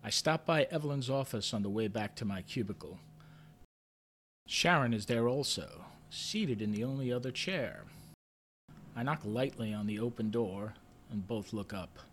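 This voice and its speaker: A man narrating a story in first person with a measured, understated delivery, lifting sharply when his character asks questions. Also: on the low side, expressive, a bit bright, slight background noise. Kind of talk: audio drama narration.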